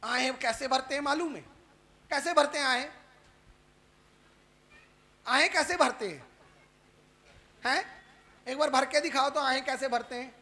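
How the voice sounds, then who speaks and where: Guy preaching, high voice, keeps asking the crowd "right?" over and over, goes loud then soft. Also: a little slow, long pauses. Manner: peppers every point with rhetorical "right?" tag questions; asks the crowd question after question, then swings between loud calls and quiet asides. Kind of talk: sermon to a live congregation.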